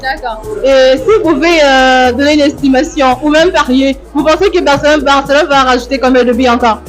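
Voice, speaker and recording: High-voiced woman interviewing over loud music. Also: steady tone, a little fast. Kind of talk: street vox-pop interviews.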